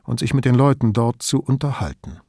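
Man doing a wry calm police commissioner. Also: mid-range voice, a little fast, creaky, no echo, studio quality. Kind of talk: audiobook character voice.

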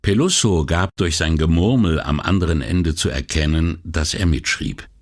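A man reading a crime novel aloud in a measured, steady scripted narration. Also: very deep voice. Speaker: audiobook narrator.

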